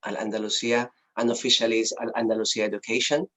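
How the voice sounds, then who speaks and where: A man in his thirties with a Spanish accent, an imam being interviewed on a video call, speaking haltingly with many fillers and restarts. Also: medium pitch, little pitch movement, pushed and bright, low-quality recording. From Spain. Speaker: imam and madrasa founder. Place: small indoor room.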